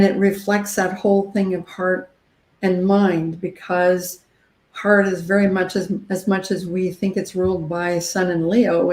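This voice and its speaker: A woman's voice: fairly low pitch, darkish tone. A woman, a guest astrologer on a video call, talking reflectively and sometimes losing her thread, her line echoing as if she were in a cave. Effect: cave-like echo on her line. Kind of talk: casual group chat on a video call. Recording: echoey video call audio.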